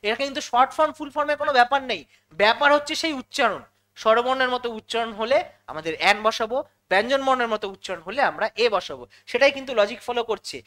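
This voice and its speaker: A quick-talking woman teaches English grammar. She goes step by step, repeats the key words and keeps checking in with her students through questions. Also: fairly high pitch, lively intonation, fairly bright tone. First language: Bengali. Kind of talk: classroom-style lesson explanation.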